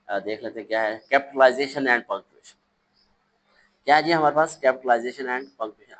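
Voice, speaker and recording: A man teaching a children's English lesson, reading English words slowly and explaining them, with hesitations and self-corrections. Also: mid-range voice, fairly bright tone, rough recording.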